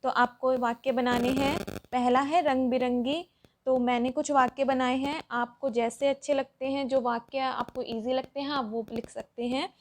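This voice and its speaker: A woman's voice: sits high, little pitch movement, moderate pace. A woman teacher explaining a worksheet lesson to children, patient and step by step.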